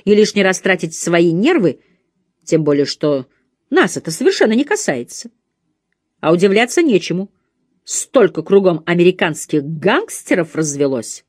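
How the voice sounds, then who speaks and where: A woman's voice: fairly low pitch, sing-song, moderate pace, dry recording, studio quality. A woman voicing a fussy, chattering elderly female companion who coos and talks down to her charge, in an audiobook reading. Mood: gossiping. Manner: cooing, patronizing, clucking.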